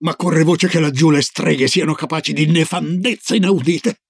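Old Norwegian grandmother, read by a man: low, slow, ominous storyteller, gravelly and dry. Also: no room sound. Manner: slow, low, solemn warnings.

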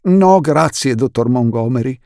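A man's voice: medium pitch, animated, a little slow, dark tone, no echo, studio quality, pitched above the performer's own voice. A man voicing a stiff, formal middle-aged banker who speaks politely and a little awkwardly in an audiobook reading. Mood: stiffly polite.

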